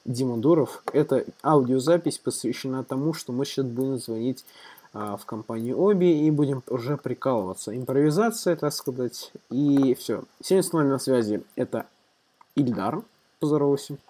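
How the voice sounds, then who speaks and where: A man hosts a casual prank call recording with a mellow, dark voice at middle pitch. His improvised introduction comes out haltingly. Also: expressive, slightly rough.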